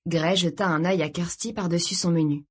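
A woman reading a novel aloud in an even, measured storytelling voice. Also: on the low side, breathy edge. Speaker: audiobook narrator. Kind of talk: scripted narration.

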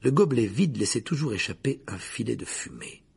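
A man narrating a story aloud in an expressive, animated way. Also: mid-range voice, fairly quick, gravelly, slightly rough. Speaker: audiobook narrator. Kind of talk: storybook reading.

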